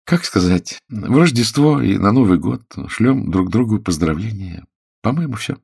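A man's voice: lowish voice, animated, normal speed, gravelly, a little mellow, slightly rough, no room sound, clean studio sound, pitched above the performer's own voice, full character voice. A man voicing a polite, composed young actress.

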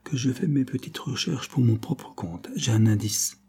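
A man's voice: mid-range voice, moderate pace, mellow, slightly rough, voice pushed up. A man voicing a shrewd, self-important police sergeant who keeps his clues to himself, in an audiobook. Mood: confiding. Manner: secretive and knowing.

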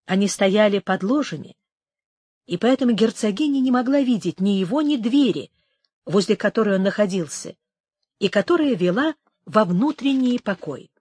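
A woman narrating a novel in an even, measured storytelling manner. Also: medium pitch, husky, no echo. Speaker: audiobook narrator. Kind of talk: scripted narration.

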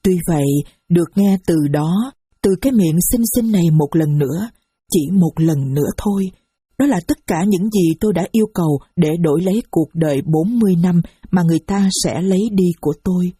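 A woman's voice: fairly low pitch, fairly quick, warm tone, slightly rough, no room sound, studio quality. A woman narrating a first-person story with a grave, sorrowful delivery. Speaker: audiobook narrator.

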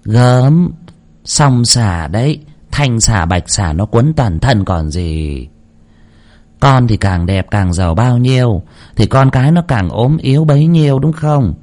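A man's voice: medium pitch, expressive, slow, a little mellow, pitched above the performer's own voice. A man voicing a shrewd middle-aged female spirit medium who speaks in a knowing, insistent way, in a storytelling narration.

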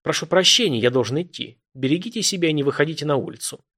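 A man voicing a harried police officer working the phones, brisk and firm, trying to reassure callers. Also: on the high side, lively intonation, a bit bright, breathy edge, exaggerated voice. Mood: pressed. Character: harried male police dispatcher, calm but pressed.

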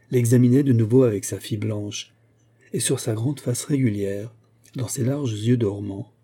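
A man giving a measured, scripted narration of a classic novel as an audiobook narrator. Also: medium pitch, mellow, breathy edge.

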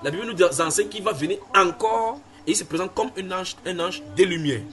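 Over a noisy crowd, a man with a high-pitched voice preaches a Bible sermon a little fast. He reads from scripture and teaches emphatically, repeating phrases and putting questions to his listeners.

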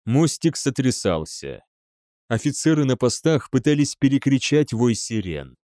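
A man reading an audiobook aloud with an expressive delivery. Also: mid-range voice, measured pace, no echo, clean studio sound. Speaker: narrator. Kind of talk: audiobook narration.

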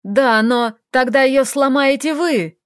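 A woman's voice: fairly high pitch, measured pace, dry recording, studio quality, natural voice. A woman voicing a frightened young man who pleads anxiously. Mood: anxious desperate.

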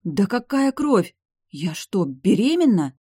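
A reader voicing a young woman heroine who is jumpy and sharp-tongued, speaking higher and louder than the narration. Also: expressive, a little fast, dry recording, studio quality, natural voice. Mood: alarmed. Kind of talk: audiobook character voice.

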